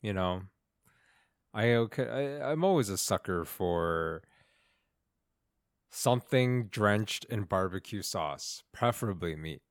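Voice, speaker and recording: Male co-host, lower-pitched, unhurried, halting casual chat, laid-back. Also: animated, no echo, clean studio sound. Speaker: podcast co-host.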